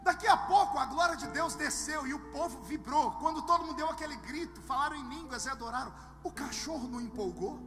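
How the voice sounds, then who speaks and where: A very high-pitched man from Brazil preaching a sermon in a big hall, where his voice trails off in a long reverb. Music plays clearly underneath as he tells humorous stories, acts out the dialogue, and swings from hushed tones to shouts. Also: expressive, fast talker, hardly any pauses. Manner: humorous storytelling with acted dialogue. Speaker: pastor.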